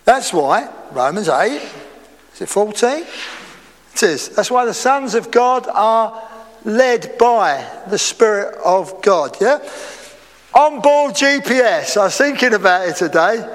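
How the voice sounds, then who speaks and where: A male preacher with a notably high voice delivers a sermon in a relaxed, talkative manner, breaking off for asides and light jokes. His voice rings out with a long echo, recorded in a church hall before a congregation. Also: slow. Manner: conversational preaching with chatty asides and humor. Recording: reverberant hall.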